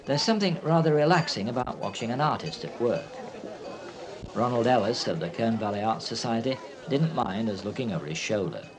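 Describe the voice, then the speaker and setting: A man reading scripted documentary narration in a measured, informative way. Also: medium pitch, expressive, a crowd in the background. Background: music.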